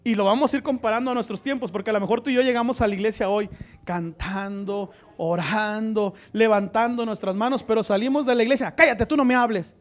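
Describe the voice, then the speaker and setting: A man preaching a sermon, firing rhetorical questions and swinging between loud emphasis and hushed lines. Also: high voice, steady tone, brisk.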